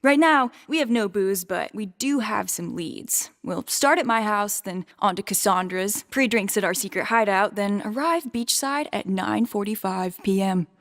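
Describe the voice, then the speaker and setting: A woman's voice: mid-range voice, moderate pace, hardly any pauses, fairly bright tone, lightly acted. Woman playing a theatrical teenage girl game narrator. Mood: eager, scheming. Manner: dramatic, arch, mannered phrasing. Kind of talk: scripted video game narration.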